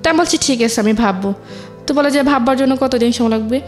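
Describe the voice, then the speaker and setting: A woman appearing as a guest on a show tells a personal story, recounting conversations along the way. Her voice is a little high and she talks fast, with background music playing.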